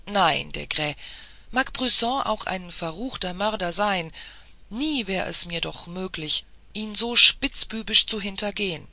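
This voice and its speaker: A reader voicing a dignified elderly noblewoman who refuses sternly on principle, in a slow, gravelly, bright voice. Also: medium pitch, dry recording. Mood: indignant.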